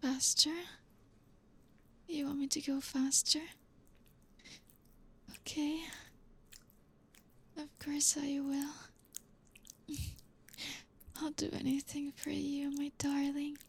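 A young woman whispering softly in an intimate ASMR roleplay, reassuring and coaxing, with frequent low hums. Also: completely flat delivery. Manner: soft unvoiced whispering, slow and soothing.

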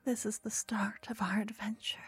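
A woman playing an obsessive, lovestruck fantasy stalker in a sultry, breathy, soothing whispered role-play, tender and possessive. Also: mid-range voice, flat delivery, no echo, soft background music. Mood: yearning, possessive. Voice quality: breathy, soft. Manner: sultry, breathy, slow, soothing narration to the listener.

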